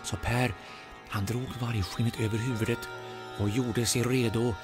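A man from Sweden telling a ghost story aloud, dramatic with slow, suspenseful pauses. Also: medium pitch, fairly even intonation, over loud music. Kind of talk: oral ghost story narration.

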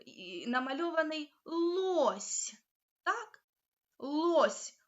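A woman teaching young children a phonics lesson, sounding out letters slowly and asking them questions. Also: high-pitched, a bit bright, highs cut off. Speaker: primary school teacher.

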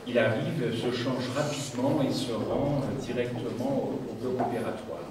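A man's voice: mid-range voice, steady tone, moderate pace. A man preaching a sermon as a visiting preacher, talking in a conversational way and praying solemnly. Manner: warm, conversational address, solemn in prayer. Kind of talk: sermon with prayer and storytelling. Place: church sanctuary. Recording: echoey church, far from the mic, background noise.

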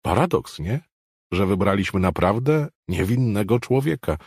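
A blunt police chief in a thriller audiobook who prods others for answers, as a male narrator puts him on. The voice is deep and slightly husky. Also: animated, normal speed, a little mellow, no room sound, clean studio sound. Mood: demanding. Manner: blunt, pushy.

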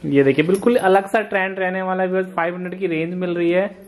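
A woman's voice: lowish voice, steady tone, fast, a little mellow. Upbeat woman urging viewers to order. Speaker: co-presenter. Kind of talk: product showcase.

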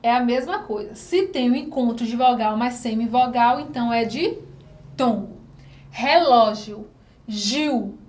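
A woman's voice: a little high, a little slow, a little mellow. A woman teacher with a Brazilian Portuguese accent, giving a recorded lesson to children, patiently repeating syllables and asking questions.

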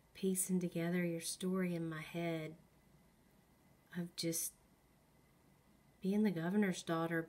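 A woman runs a spirit session, talking to a ghost with patient, coaxing questions. Her pace is slow and unhurried, and her voice has a breathy, husky edge that often sinks toward a whisper. She sounds soothing, as if easing a shy child into speaking. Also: lowish voice, darkish tone. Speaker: paranormal investigator running a spirit session.

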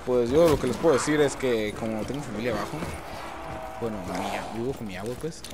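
A man's voice: mid-range voice, fairly quick. A young man with a Mexican accent giving casual gameplay commentary, swearing and rambling through stories. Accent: Mexican Spanish. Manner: crude, swearing, rambling storytelling. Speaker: gamer. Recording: loud background noise.

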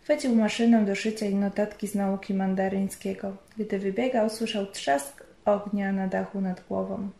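A woman narrating a story in a measured, storytelling manner. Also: mid-range voice, level tone, vocal fry, dark tone. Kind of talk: scripted narration. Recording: roomy echo.

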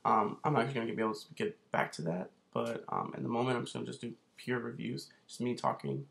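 A young man chats to camera in a rambling vlog, cracking jokes and talking himself up. His voice is gravelly, pitched in a middle range for a man. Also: quick pace, fairly bright tone. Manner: rambling, joking, self-promoting. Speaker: vlogger and film reviewer.

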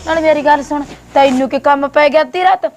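A woman acting in a comedy short film, scolding and protesting quickly. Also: sits high, a little mellow.

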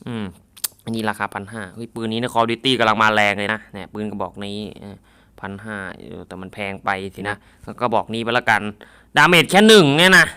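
A man giving playful, jokey commentary on a mobile zombie game, bursting into shouts and mock samurai lines. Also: on the low side, a little fast, clear, resonant tone.

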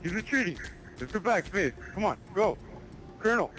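A man's voice: sits high, big pitch swings, fairly quick, a bit bright, rough recording. A man playing a bossy, frantic army captain barking urgent orders in an amateur game machinima. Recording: music behind, game vehicle sounds.

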